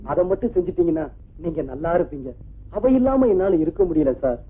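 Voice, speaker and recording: An actor playing a husband whose wife is missing, who pleads with the police almost in tears. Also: male voice, fairly high pitch, big pitch swings, a little fast, breathy edge. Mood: anxious. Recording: tinny lo-fi old film soundtrack.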